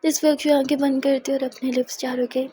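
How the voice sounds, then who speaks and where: Chatty high-voiced woman narrator. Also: flat delivery, fast, warm tone, a little hiss or hum. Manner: chatty, eager, breathless greetings. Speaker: storyteller. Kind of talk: casual story narration.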